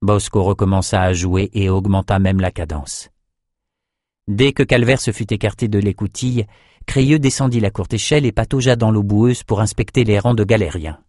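A man narrating a fantasy audiobook in a measured, even storytelling manner. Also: fairly low pitch, no echo, clean studio sound.

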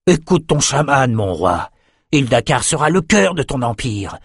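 A man's voice: medium pitch, big pitch swings, moderate pace, breathy edge, dry recording, studio quality, pitched above the performer's own voice. A man reading an audiobook, voicing a proud male raider captain who speaks frankly to his king. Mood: earnest. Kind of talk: audiobook character voice.

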